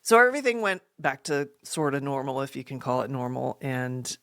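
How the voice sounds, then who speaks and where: A woman podcast host telling a funny personal story in an animated way, laughing often and acting out what people said. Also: extremely low pitch, moderate pace.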